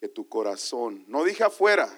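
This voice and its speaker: A man preaching a sermon as pastor, telling stories to his congregation and calling them brother, moving from quiet asides to loud exclamations. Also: medium pitch, big pitch swings, moderate pace. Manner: storytelling, calls the congregation brother.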